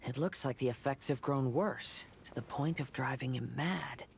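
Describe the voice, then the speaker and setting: An actor voicing a calm, polite young swordsman who speaks in a gentle, measured way. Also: mid-range voice, vocal fry, a little hiss or hum, lightly acted.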